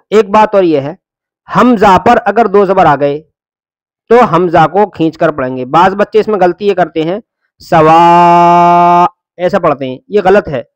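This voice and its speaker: A man's voice: high-pitched, no room sound. A man teaching a Quran reading lesson, patiently explaining rules and drawing out syllables as he spells them.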